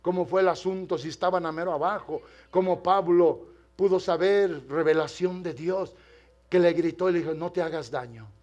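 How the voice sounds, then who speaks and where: An older man, a pastor, preaching a sermon to a congregation, moving from quiet storytelling to loud, impassioned preaching and addressing the listeners directly. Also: sits high, steady tone, moderate pace, highs cut off. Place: church.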